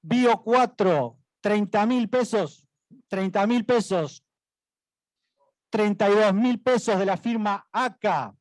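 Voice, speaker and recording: A man's voice: sits high, slow, dry recording. A man with an Argentine accent working as an auctioneer, calling out rising bids, repeating prices and prompting for more.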